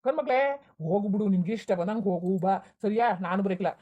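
A woman's voice: medium pitch, fast, dark tone, dull audio, close to an everyday voice. A woman voicing an indulgent village father in a cartoon who soothes his wife and dotes on his daughter. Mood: soothing. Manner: soothing, brushing off complaints. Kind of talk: cartoon voice acting.

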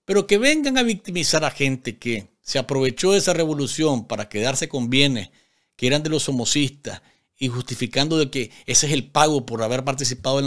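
Seated at a desk microphone in a compact studio, a forties-aged host with a Nicaraguan Spanish accent delivers forceful live political commentary full of repetition and rhetorical questions. His voice is medium-pitched and somewhat bright.

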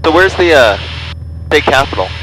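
Lively young man on a noisy cockpit intercom. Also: a little high, normal speed. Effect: aviation headset intercom. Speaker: passenger on a scenic flight. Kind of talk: casual chat. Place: small airplane cockpit. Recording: cockpit intercom with engine noise.

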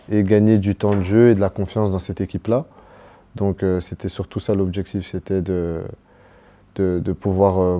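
On a muffled recording, a young adult footballer of Cameroonian origin who was raised in Belgium answers questions haltingly, often restarting and using fillers. His voice is deep and dark.

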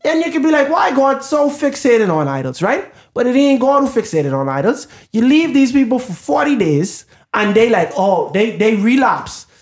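Brief: male podcast co-host, loose animated Bible chat, "bro" in every other line, roomy echoey sound. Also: very high-pitched, moderate pace, few pauses. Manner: casual and animated, says "bro" constantly. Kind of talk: casual Bible discussion podcast.

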